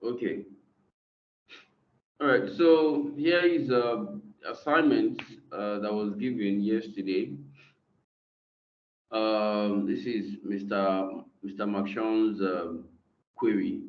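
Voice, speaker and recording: A male instructor leads an online lesson, captured by a screen recording of the video call. He talks slowly and hesitantly, leaning on fillers as he works through queries. The audio is muffled and roomy. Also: on the low side. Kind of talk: online class lecture. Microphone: computer mic on a video call.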